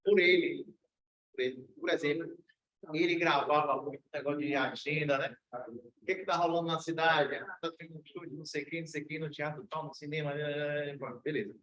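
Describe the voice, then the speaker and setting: A man's voice: on the high side, a little fast, a bit bright, muffled recording. A man from Brazil, a law professor, giving a university lecture in a casual, slangy way with anecdotes. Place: lecture room.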